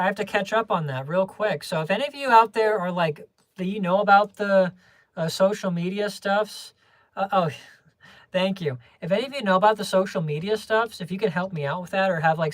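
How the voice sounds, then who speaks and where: Low-key and homebody in tone, a young adult streamer talks casually with viewers, wandering through many restarts and small laughs. The recording is dry.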